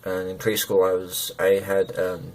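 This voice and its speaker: Man, low-pitched, numb-from-the-dentist articulation, blurred lip consonants, hesitant, halting, personal vlog talk. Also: monotone, darkish tone, rough recording. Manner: hesitant, halting, searching for words. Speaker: gaming video creator.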